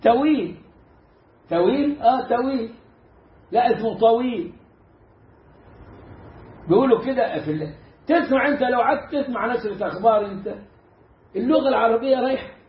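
A man with an Egyptian Arabic accent teaching Quran recitation in a casual, animated way, mimicking mistakes and drawing out the correct sounds. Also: very high-pitched, reverberant, muffled recording. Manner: animated, mimics mispronunciations and demonstrates slow recitation. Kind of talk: casual lesson.

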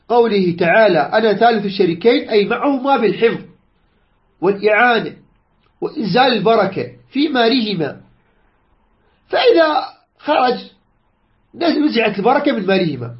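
A man with a high-pitched voice, captured on dull audio, teaches jurisprudence by explaining a text without hurrying. He repeats key phrases and pauses with drawn-out "aah" sounds.

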